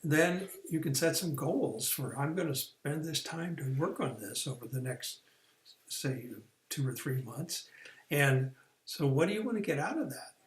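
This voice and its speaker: A man talks through a recorded career-training lesson in a somewhat high voice. He explains the steps patiently, with fillers and false starts. The sound is echoey, as if recorded in a bare room. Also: lively intonation, unhurried. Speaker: career coach.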